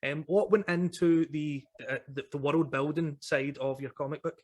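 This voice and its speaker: A man's voice: fairly high pitch, fairly even intonation, moderate pace, darkish tone. A man interviewing a guest, asking long rambling questions full of fillers.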